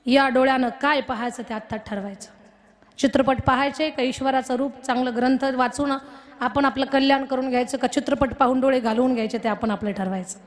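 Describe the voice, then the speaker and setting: A woman's voice: high-pitched, steady tone, brisk. A woman giving a humorous devotional kirtan sermon, telling jokey stories and drawing out chanted verse lines. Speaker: kirtan preacher.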